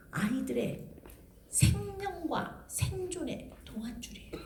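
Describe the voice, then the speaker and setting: Animated woman lecturing in an echoey hall. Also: high-pitched, distant mic. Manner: animated, acts out mother and child voices. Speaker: parenting lecturer. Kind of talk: lively public lecture. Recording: roomy hall sound, faint noise.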